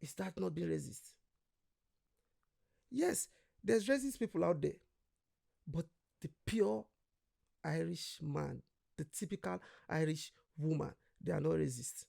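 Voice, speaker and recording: A man's voice: a little high, expressive, measured pace, gravelly, long pauses, warm tone. A man from Nigeria, a guest in casual conversation, telling stories animatedly, acting out quoted voices and swearing freely.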